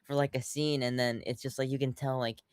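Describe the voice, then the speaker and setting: A young man chatting casually on a podcast, his voice sitting in an ordinary middle pitch. He rambles with constant fillers and restarts, and the sound is dry and close with no room around it. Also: little pitch movement, a little fast, smooth, no echo. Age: young adult. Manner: rambling, many fillers and restarts, acts out quotes. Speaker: podcast co-host. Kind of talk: casual chat.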